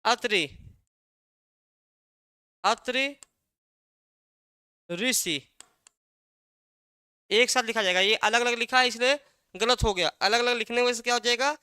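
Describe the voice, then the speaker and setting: Bright, crisp teacher drilling answers. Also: mid-range voice, measured pace, long pauses, no echo, clean studio sound. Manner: drills by asking a question and answering it; repeats key words several times. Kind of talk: exam-prep language lesson.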